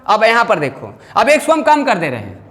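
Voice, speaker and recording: A man's voice: high voice, huge pitch swings, a little fast, a bit bright, a little hiss or hum. A man teaching a maths class, asking his students questions and checking again and again whether they follow. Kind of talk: classroom lecture. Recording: long reverb in a classroom.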